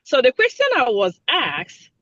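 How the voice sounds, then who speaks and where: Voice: medium pitch, huge pitch swings, a little slow, a bit bright, no echo. Caller on a dull car speakerphone. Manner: hesitant, searching for words. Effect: phone call from a moving car. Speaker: attendee asking a question. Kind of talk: Q&A question on a video call.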